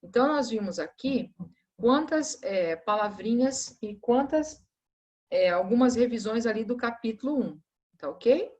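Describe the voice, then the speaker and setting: A woman's voice: a little high, animated, a little slow, a little mellow. Woman teacher, patiently explaining. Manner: patient, explanatory, frequent tag questions. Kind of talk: recorded class review.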